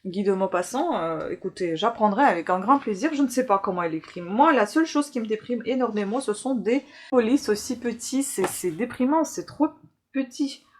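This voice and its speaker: A woman's voice: fairly high pitch, lively intonation, normal speed, a little hiss or hum. Hesitant chatty woman book vlogger. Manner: hesitant, full of filler sounds, chatty. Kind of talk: casual book haul chat.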